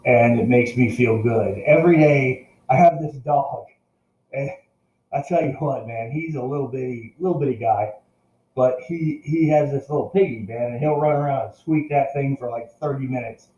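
A man's voice: mid-range voice, normal speed, warm tone. An older man talking casually to his viewers, earnest and encouraging, often repeating and restarting his words. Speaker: vlogger addressing viewers. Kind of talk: casual talk to camera. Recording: roomy, slightly dull recording.

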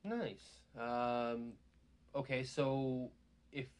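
A man hosts a laid-back conversation, his sentences wandering and rambling as he goes. His voice sits at an ordinary middle pitch. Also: fairly even intonation, extremely slow. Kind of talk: casual chat.

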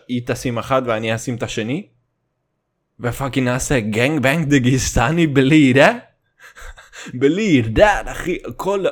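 Animated man with a Russian accent in Hebrew. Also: mid-range voice. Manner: crude slangy joking, swears and drops in English. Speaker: solo host. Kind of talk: casual comedic rambling monologue.

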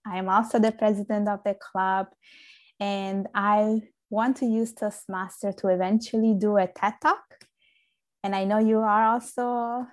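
A young woman from Italy talks as a podcast guest, earnest and chatty with plenty of little fillers. Her pitch sits in a middle range, neither high nor low, and she keeps an easy conversational flow. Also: a little mellow. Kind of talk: casual interview conversation.

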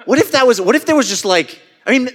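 A man's voice: very high-pitched, lively intonation, quick pace, a bit bright. A man co-hosting a live podcast panel, dry and wisecracking in casual banter. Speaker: podcast co-host. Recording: reverberant convention hall.

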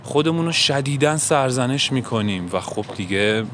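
A man's voice: mid-range voice, expressive. Earnest musing man, faint traffic behind. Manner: earnest, musing, asks himself questions. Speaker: self-help podcaster. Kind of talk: reflective monologue.

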